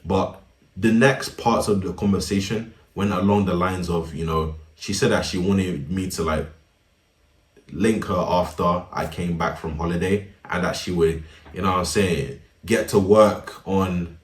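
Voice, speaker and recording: Deep-voiced young man, roomy. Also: steady tone, measured pace, far from the mic. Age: young adult. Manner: laid-back slangy, laughs often. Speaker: storyteller. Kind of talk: casual storytime narration. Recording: roomy, a bit off-mic.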